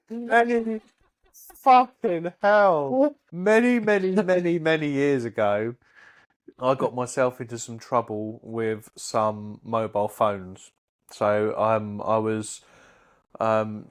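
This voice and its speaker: A man in his thirties co-hosting a casual podcast chat, swearing a lot and jumping high in pitch when he argues. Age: 30s. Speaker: podcast co-host.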